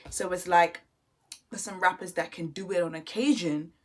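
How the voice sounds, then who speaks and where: A woman's voice: lowish voice, fairly even intonation, normal speed. A woman giving casual album reaction commentary, chatty and enthusiastic, thinking aloud as she talks. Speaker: music reviewer.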